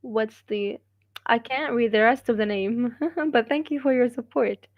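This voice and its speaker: A woman's voice: on the high side, a little slow, no room sound, highs cut off. A woman from Gaza, an English speaker hosting a casual livestream, reading viewer comments with many fillers and frequent laughs. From Gaza, Palestine. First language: Arabic. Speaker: livestream host.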